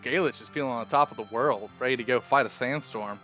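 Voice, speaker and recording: A man's voice: medium pitch, quick pace, faint music behind. A man playing a tabletop game, chatting casually and pleading in character. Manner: lively, in-character persuasive. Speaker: player.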